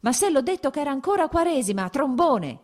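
A woman reading an audiobook, voicing an irritable male landowner who shouts exasperated questions at his steward. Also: lowish voice, very animated, a little fast.

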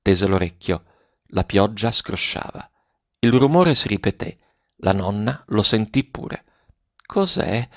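Narratore uomo, lettura misurata, registrazione secca e senza eco. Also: male voice, fairly low pitch, unhurried, fairly bright tone, no room sound, lo-fi sound. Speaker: audiobook reader. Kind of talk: scripted narration.

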